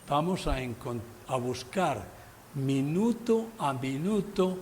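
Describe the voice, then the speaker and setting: A man preaching a Sunday sermon as pastor, emphatic, with sudden loud bursts and exclamations. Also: a little high, sing-song, slow pace, slight background noise. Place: church sanctuary.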